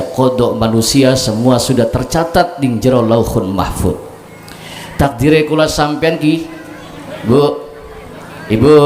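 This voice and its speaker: A man's voice: medium pitch, a little mellow. Man, middle-aged preacher, jokey banter with the crowd, echoey hall, faint background noise. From Cirebon, Indonesia. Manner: joking, banters with the audience. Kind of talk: religious sermon at a gathering. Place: evening religious gathering.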